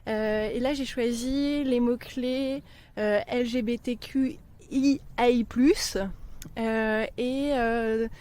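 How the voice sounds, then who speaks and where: A woman chatting casually about books as a vlogger, pausing often mid-sentence while on a walk outdoors. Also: a little high, fairly even intonation, a little mellow, clear, resonant tone, low-quality recording. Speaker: book vlogger. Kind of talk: casual book chat while walking. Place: outdoors on a walk among trees.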